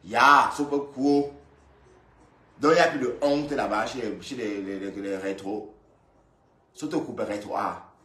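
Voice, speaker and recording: A man from Cameroon giving casual commentary on a live video, lively and scolding, often repeating himself as he talks straight to the woman he reacts to. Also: on the low side, moderate pace. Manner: lively, scolding and repetitive, addressing her directly. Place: indoors, in Brussels. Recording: roomy echo.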